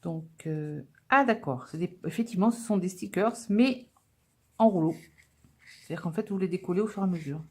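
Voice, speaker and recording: A woman's voice: lowish voice, normal speed, darkish tone, husky. A woman vlogger chatting casually to camera as she unpacks a craft-supply haul, upbeat and full of little fillers. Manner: chatty and enthusiastic, with many fillers.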